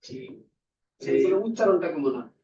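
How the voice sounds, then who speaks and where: A man teaching an English class, coaxing students slowly and repeating words for them. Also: fairly high pitch, wildly swooping pitch, noisy background. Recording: echoey room, distant lo-fi mic.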